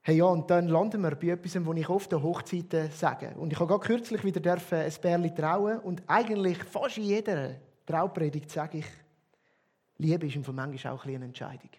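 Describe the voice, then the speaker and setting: Swiss German man, pastor's sermon, high-pitched and husky, emphatic delivery. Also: fairly quick. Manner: emphatic, swinging between loud stresses and quiet drops.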